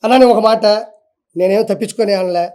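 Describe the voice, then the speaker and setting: A man with a strikingly high voice tears through a heated, defiant rant as an interview guest. He talks fast and drives each point home by repeating it, challenging anyone to prove him wrong. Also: fairly even intonation, a little mellow. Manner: fiery, defiant, repeats for emphasis.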